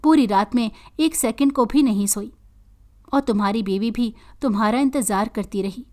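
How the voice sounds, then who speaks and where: A woman's voice: a little high, normal speed, a little mellow, close to an everyday voice. Woman voicing a fretful scolding mother.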